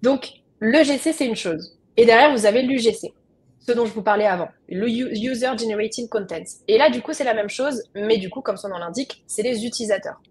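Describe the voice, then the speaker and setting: A woman's voice: a little high, fairly quick, breathy edge. A young woman presenting a webinar as a trainer, explaining in a conversational way and speaking straight to her audience over a video call.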